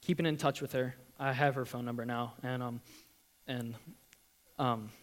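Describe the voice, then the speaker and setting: A young man giving a church testimony, earnest and halting, with many ums and restarts. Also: mid-range voice, steady tone.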